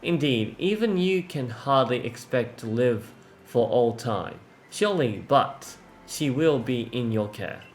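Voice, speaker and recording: Wise old woman sage read by a man, calm, measured, soft, lively pitch. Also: faint music behind, lightly acted. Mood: calm, reflective. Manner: reads slowly and softly, measured. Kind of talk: reading game dialogue aloud.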